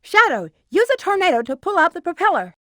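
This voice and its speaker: Rouge the Bat, very high-voiced sassy game heroine. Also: female voice, sing-song, fairly quick, a bit bright, no room sound, studio quality, full character voice. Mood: urgent. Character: flirty, cool-headed female bat treasure hunter, adult. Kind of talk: video game voice acting, short in-game hints and callouts.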